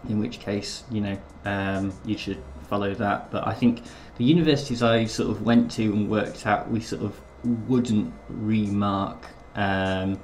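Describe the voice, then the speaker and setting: A man's voice: fairly low pitch, steady tone, a little slow, few pauses, reverberant, a little hiss or hum. A man live streaming and chatting casually with viewers, hesitant and full of filler words.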